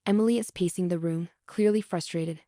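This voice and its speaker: A woman reading a first-person relationship drama as scripted narration, in an even, measured way. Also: fairly low pitch, dry recording, studio quality.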